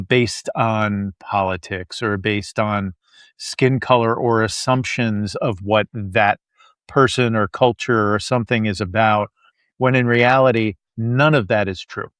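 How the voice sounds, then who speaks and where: A man's voice: lowish voice, fairly bright tone, dry recording. Earnest male podcast host, dry sound. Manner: earnest, repeats himself for emphasis. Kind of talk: casual conversational interview.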